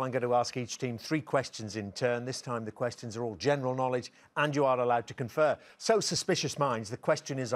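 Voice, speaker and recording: A man hosting a television quiz show, reading questions and joking with contestants between laughs. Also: medium pitch. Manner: jokey, laughs between lines. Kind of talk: scripted presenting and friendly banter.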